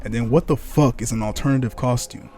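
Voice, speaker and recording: A man's voice: mid-range voice, brisk, mellow, faint music behind. A man hosting a reaction video, giving blunt, joking commentary with lots of swearing. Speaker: reaction host.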